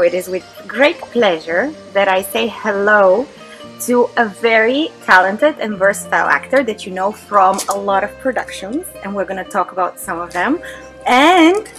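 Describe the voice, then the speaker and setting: A woman hosting a casual outdoor interview, cheerful and quick to laugh. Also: mid-range voice, expressive, a bit bright, soft background music, poor audio. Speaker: interviewer, host. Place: outdoor garden.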